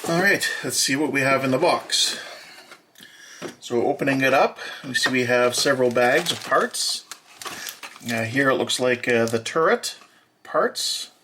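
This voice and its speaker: A man's voice: medium pitch, lively intonation, background noise. Hesitant man describing kit parts. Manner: hesitant, many filler pauses; plain, matter-of-fact describing. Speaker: hobby model builder. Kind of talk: unboxing walkthrough.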